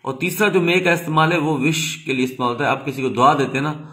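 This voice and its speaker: A man's voice: a little high, quick pace, a bit bright. A man, giving a video lesson as an English teacher and explaining patiently with frequent questions back to the students.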